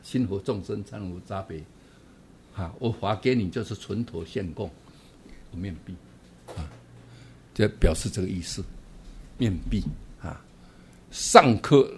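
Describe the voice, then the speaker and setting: A man giving a Buddhist dharma talk, animated and asking his listeners rhetorical questions. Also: lowish voice, unhurried, long pauses, a little hiss or hum. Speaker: Buddhist teacher.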